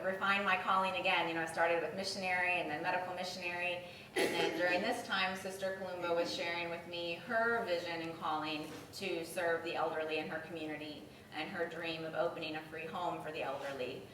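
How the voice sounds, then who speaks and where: A woman presenting photos to a church group, talking in a relaxed, conversational way with frequent ums. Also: fairly low pitch, normal speed, a little hiss or hum. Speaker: retreat facilitator presenting slides. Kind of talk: informal slideshow talk. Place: church meeting room. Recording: echoey room audio from a distant mic.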